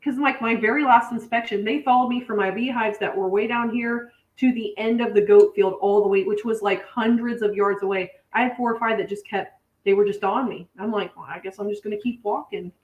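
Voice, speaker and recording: A woman's voice: mid-range voice, steady tone, a little fast. A woman co-hosting a casual farm livestream, chatty, laughing often and greeting viewers. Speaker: farm channel co-host. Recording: echoey, distant, dull mic.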